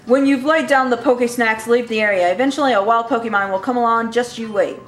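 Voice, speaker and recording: A woman's voice: a little high, a little fast, echoey room, soft background music, close to an everyday voice. A woman voicing a boastful male inventor, reading game text aloud in a showman tone and now and then stumbling over words.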